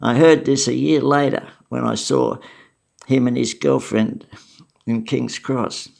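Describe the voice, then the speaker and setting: Gravelly older Australian man. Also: mid-range voice, fairly even intonation, measured pace, darkish tone. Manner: wry, matter-of-fact, with chuckles and asides. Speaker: storyteller recounting memories. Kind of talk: casual spoken memoir.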